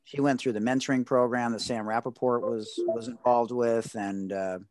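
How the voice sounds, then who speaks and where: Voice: medium pitch, fairly even intonation, moderate pace, darkish tone, slight background noise. A podcast co-host asking an interview question, hesitant with fillers. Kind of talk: casual interview questions and scripted segment intro.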